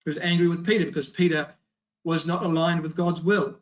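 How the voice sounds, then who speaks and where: A man's voice: fairly high pitch, fairly even intonation, fairly quick. A man giving a Bible study talk, emphatic and fond of rhetorical questions. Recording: dull lo-fi recording.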